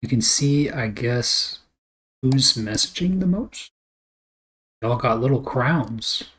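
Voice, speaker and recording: A man chatting casually to viewers on a livestream while drawing, with a flat, deadpan delivery. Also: mid-range voice, slow, low-quality recording. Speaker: streamer.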